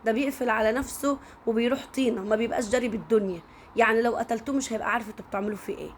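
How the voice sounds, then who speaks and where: A woman's voice: a little high, steady tone, rapid-fire, a little hiss or hum. A woman with an Egyptian accent telling a story in a casual, chatty way, often turning to speak directly to her listeners. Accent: Egyptian Arabic.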